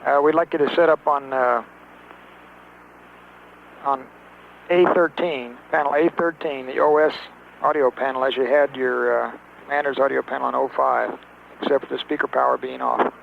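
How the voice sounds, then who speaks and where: A man at mission control talking to a spacecraft crew over a narrow-band radio transmission, in clipped, halting radio procedure with many fillers. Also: medium pitch, fairly even intonation, vocal fry. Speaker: mission control capsule communicator. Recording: tinny radio link with faint hiss.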